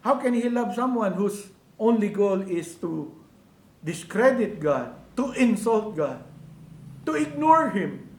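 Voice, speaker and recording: Filipino male preacher, higher register, asks the congregation question after question, reverberant church sound. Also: big pitch swings, slow. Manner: switches between Tagalog and English, conversational preaching with rhetorical questions. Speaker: pastor. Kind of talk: sermon.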